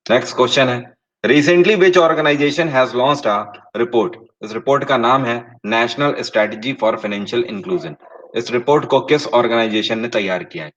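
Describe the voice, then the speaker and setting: A man's voice: medium pitch, fairly bright tone, muffled recording. Male teacher quizzing a live class. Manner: reads questions in English slowly, explains in Hindi with rising emphasis; addresses live viewers directly, asks and confirms answers. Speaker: online exam-prep teacher. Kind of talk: live online class, quiz walkthrough.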